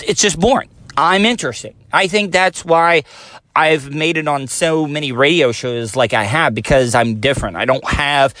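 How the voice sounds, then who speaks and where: This podcast host, a man in his forties, has a thin, fairly high and slightly bright voice. He rambles self-deprecatingly on his casual solo show, recorded on a phone with no room sound.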